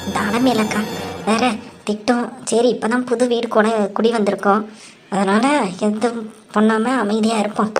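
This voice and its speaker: A woman voicing quarrelsome village women in a cartoon, scolding and bickering loudly. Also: a little high, little pitch movement, normal speed, over music, lightly acted. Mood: grumbling. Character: squabbling village women, adult, loud and quick-tempered. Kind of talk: cartoon dub voice acting.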